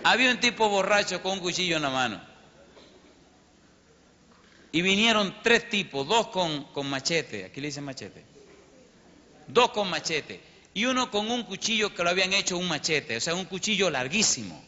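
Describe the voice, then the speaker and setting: Animated male preacher telling a story. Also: sits high, moderate pace. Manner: animated, acts out sounds and dialogue. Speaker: pastor. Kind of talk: storytelling sermon. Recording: lo-fi recording in a reverberant hall.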